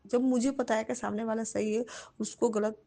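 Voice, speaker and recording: Devout woman, warm high voice. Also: little pitch movement, moderate pace, creaky. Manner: addresses the congregation as "sangat ji" in nearly every sentence. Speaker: devotee sharing a testimony. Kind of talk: devotional testimony.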